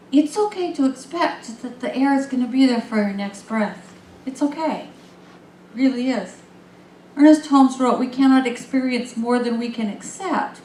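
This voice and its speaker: Calm woman minister in an echoey room. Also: fairly high pitch, recorded from a distance, a little hiss or hum. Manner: calm, gently guiding, then lively storytelling. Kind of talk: sermon.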